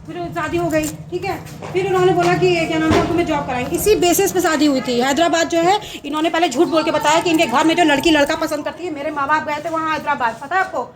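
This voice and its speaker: High fast-talking young woman arguing insistently. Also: fairly even intonation. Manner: insistent, repeats herself, pleading and accusing. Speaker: wife in a marital dispute. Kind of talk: heated argument. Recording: echoey room with a crowd around.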